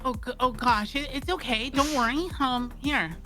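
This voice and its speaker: A woman's voice: high voice, normal speed, sharp tone, faint music behind. A woman playing a stammering nervous klutz. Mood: flustered. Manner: stammering, apologetic. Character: flustered clumsy nervous character.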